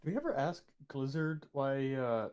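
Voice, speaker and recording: A man's voice: medium pitch, expressive, moderate pace, a little mellow, smooth. A man playing a tabletop role-playing game, talking hesitantly with fillers and laughs. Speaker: player. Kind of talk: casual tabletop game chat.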